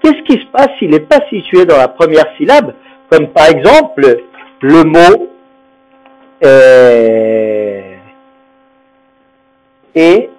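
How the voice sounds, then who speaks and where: A man's voice: a little high, big pitch swings, slow, a little mellow, faint music behind, rough recording. A man teaching French phonetics, who explains patiently, repeats the sounds he models and keeps checking that the listener understands. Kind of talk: explanatory lesson.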